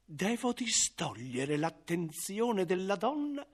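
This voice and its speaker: A man's voice: high-pitched, big pitch swings, takes it slowly, background noise. A man narrating a 1970s radio comedy as a crafty butcher, theatrical and ironic. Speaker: narrator and first-person butcher.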